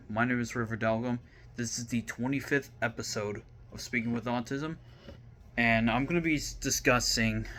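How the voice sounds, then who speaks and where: A man's voice: mid-range voice, bright, forceful tone, a little hiss or hum. A young man with a Southern US accent hosting his own video series, talking casually to camera and often stopping to repeat and restart his words. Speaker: vlog host.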